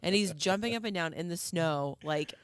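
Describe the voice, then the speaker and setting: A woman in her thirties chatting casually as a podcast co-host, her voice hoarse and raspy after being sick. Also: on the low side, moderate pace. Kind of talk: casual chat.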